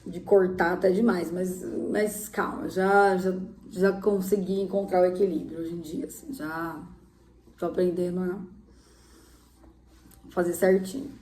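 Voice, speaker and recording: A woman's voice: fairly low pitch, level tone, unhurried, a little mellow, roomy sound. A woman giving relationship advice in a casual, chatty way, full of fillers.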